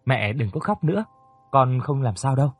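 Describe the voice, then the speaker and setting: A timid, injured young woman , read by a male narrator in near his own voice. She answers gently and politely. The tone is husky and mid-pitched. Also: sing-song, moderate pace, dry recording, soft background music. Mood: reassuring. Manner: soft, shy, polite.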